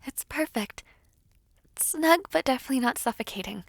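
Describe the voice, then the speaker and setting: A woman voicing a frail young bride in an audio role-play, quivering and breathy with emotion. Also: sits high, lively intonation, normal speed, no echo, clean studio sound, voice pushed up, exaggerated voice. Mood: bright.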